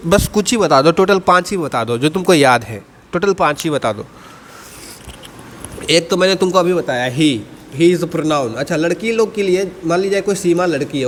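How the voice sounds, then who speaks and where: Man teaching with slow dictated definitions. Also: on the high side, long reverb tail, a little hiss or hum. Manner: mixes Hindi explanation with slowly dictated English definitions; keeps asking students to answer and checks with "ठीक है". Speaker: English teacher. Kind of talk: entrance exam lesson.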